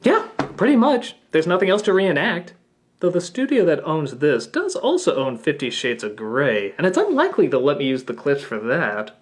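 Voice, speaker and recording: A woman giving a casual, exasperated film review in an animated way. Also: low-pitched, moderate pace. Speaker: movie reviewer.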